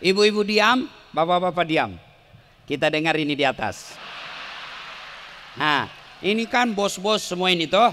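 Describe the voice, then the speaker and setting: Casting: male preacher, crowd-teasing, bright tone, long hall reverb. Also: fairly high pitch, lively intonation, unhurried, long pauses, a little hiss or hum. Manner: joking, teasing the audience, leads call-and-response chanting. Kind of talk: lively sermon at a public event. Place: large hall with an audience.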